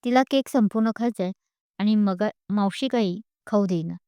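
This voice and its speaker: A woman's voice: medium pitch, moderate pace, mellow, clean tone, no room sound, clean studio sound, lightly acted. A woman playing a playful teasing young heroine. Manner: teasing, laughing as she talks. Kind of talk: audio story character voice.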